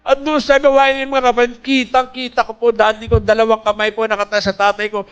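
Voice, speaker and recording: High, smooth-voiced man giving a testimony. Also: monotone, a little fast, a bit bright, highs cut off. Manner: earnest storytelling with polite po; mixes in English phrases. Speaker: church testimony speaker. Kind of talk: personal faith testimony.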